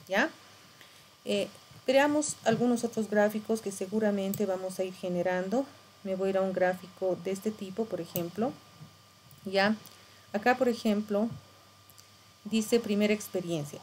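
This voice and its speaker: A woman's voice: mid-range voice, a little mellow, a little hiss or hum, rough recording. A middle-aged woman teacher, explaining patiently and checking in with tag questions. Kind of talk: screen-share tutorial lesson.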